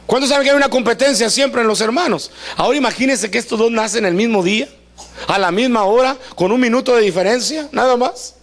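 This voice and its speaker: A pastor delivers a live sermon in church, pitched notably high for a man. He preaches in an animated, joking way, acting out little voices. He keeps turning to the congregation with questions. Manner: asks the congregation questions often. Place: church service before a congregation.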